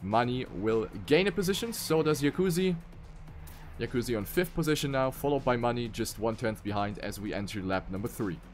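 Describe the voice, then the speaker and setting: A man calls an online racing game tournament live as an esports caster, speaking fairly quickly in a mid-range voice over faint background music. His excitable commentary leaps up at crashes and mistakes.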